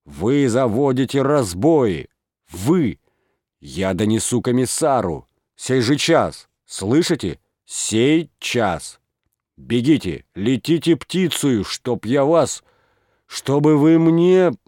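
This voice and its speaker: A man voicing a pompous old village head who shouts orders in an audiobook reading. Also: fairly low pitch, sing-song, measured pace, dry recording, clean studio sound. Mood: raging. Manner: blustering, commanding, shouting orders.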